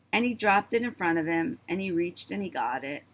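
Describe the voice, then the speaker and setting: A woman in her fifties telling a story to the camera in a chatty, marvelling way, her voice starting to go hoarse. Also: lowish voice. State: voice going hoarse. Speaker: vlogger.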